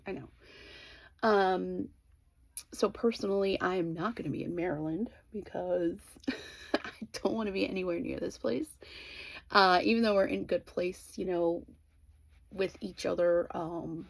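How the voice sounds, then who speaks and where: A middle-aged woman in a casual, confessional chat to viewers, candid and rambling, with halting, trailing pauses. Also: fairly low pitch, vocal fry. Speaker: vlogger.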